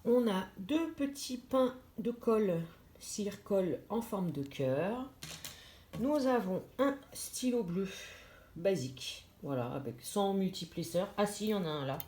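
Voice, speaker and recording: A woman's voice: medium pitch, lively intonation, measured pace, dark tone. A woman vlogger chatting casually to camera as she unboxes a diamond painting kit, with many fillers and restarts. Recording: echoey room, clear background noise.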